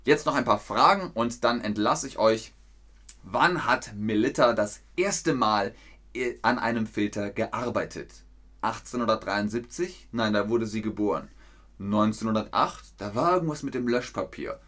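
A man with a lowish voice teaches German online, speaking slowly and clearly. He repeats words for his learners and keeps the lesson lively by firing quiz questions at viewers.

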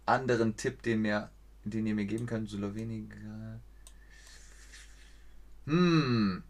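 Chatty male streamer thinking aloud. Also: lowish voice. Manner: chatty, thinks aloud, reads viewer chat, stumbles over foreign names. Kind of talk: live-streamed geography game commentary.

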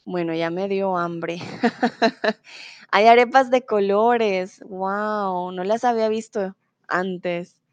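A woman's voice: mid-range voice, takes it slowly, clear, resonant tone, no echo, muffled recording. A woman from Bogotá, Colombia, teaching a live online Spanish class in a friendly manner and reading out her students' comments. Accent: neutral Bogotá Colombian Spanish. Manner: friendly, reads student comments aloud with laughs.

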